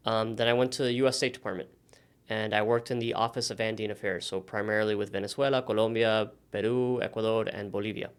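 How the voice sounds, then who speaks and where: A man in his thirties from Miami, a native Spanish speaker, telling stories as a podcast guest with relaxed "um" pauses. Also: on the low side, clean tone. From Miami, United States. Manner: relaxed storytelling with frequent "um" pauses. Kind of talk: casual interview conversation.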